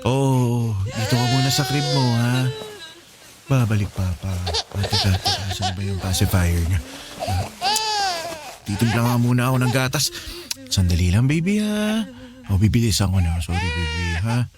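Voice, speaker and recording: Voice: mid-range voice, lively intonation, normal speed, over loud music, natural voice. An actor playing a young husband and father in a radio drama, choked up and pleading. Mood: soothing, flustered.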